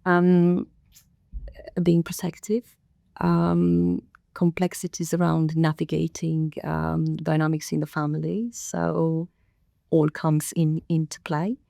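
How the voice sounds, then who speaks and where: Middle-aged woman from Romania, podcast guest, gravelly fry, dry close sound, thoughtful and unhurried. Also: sits low, little pitch movement, mellow, no room sound. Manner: measured, thoughtful, many pauses and fillers. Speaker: guest, council director. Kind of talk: podcast interview.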